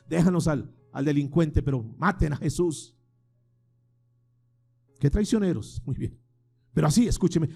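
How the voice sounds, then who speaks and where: A man's voice: sits high, a little mellow. A man preaching a sermon as pastor, asking the congregation questions and having them repeat phrases after him. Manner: preaching with rhetorical questions and call-and-response.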